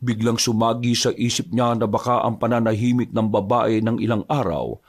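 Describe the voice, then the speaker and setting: A man narrates a scripted horror story in a measured, steady manner. His voice sits at a middle pitch for a man.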